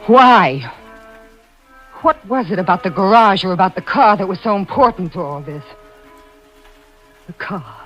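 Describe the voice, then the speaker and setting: An actress voices both narrator and heroine, a fearful, devoted wife who turns amateur detective, in an old-time radio suspense piece heard through muffled vintage audio with music. Her mid-range voice is expressive and lightly acted, measured in pace with frequent pauses, while carrying a breathless, melodramatic tension.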